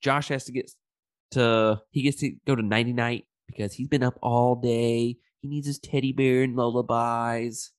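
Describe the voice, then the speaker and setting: A man's voice: mid-range voice, steady tone, normal speed, smooth, no room sound, studio quality. A man hosting a movie review podcast in casual, profane slang, with a stuffed-up, pinched-nose nasal sound from a sinus infection. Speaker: podcast host.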